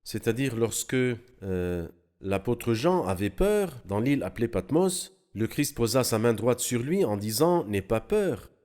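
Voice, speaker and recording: A man explaining Bible passages in an animated, teaching manner during a studio discussion. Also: mid-range voice, unhurried.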